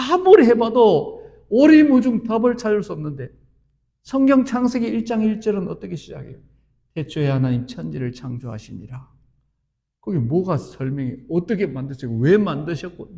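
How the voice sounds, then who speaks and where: 높은 목소리의 열정적인 남자 목사. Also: male voice, sits high, creaky, warm tone. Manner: earnest, storytelling, rising to fervent emphasis. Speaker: pastor. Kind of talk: sermon. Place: church sanctuary.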